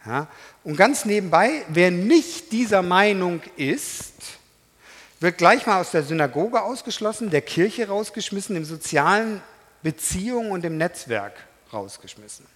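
Lively middle-aged man preaching a sermon. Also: high voice, measured pace. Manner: animated, emphatic, talks straight to the audience. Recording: reverberant hall.

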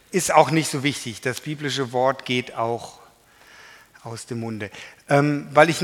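Speaking at a medium pitch with a somewhat bright tone, a man preaches a sermon to a congregation in a church hall. His style is conversational, and he frequently poses questions to his listeners. The recording carries the reverb of the hall.

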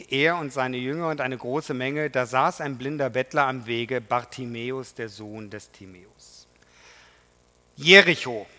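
A man preaching a sermon to a congregation at a slow, unhurried pace. He talks in a conversational way and often turns to his listeners with questions. His somewhat high voice echoes with the long reverb of a hall. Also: bright, forceful tone. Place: church hall.

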